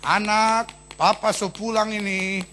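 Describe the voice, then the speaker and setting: A man voicing a drunk father from Papua with a Papuan Malay accent, calling out in a slurred, drawn-out way. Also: sits high, little pitch movement, bright, forceful tone, slight background noise, voice pushed up, heavily acted. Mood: pleading drunk.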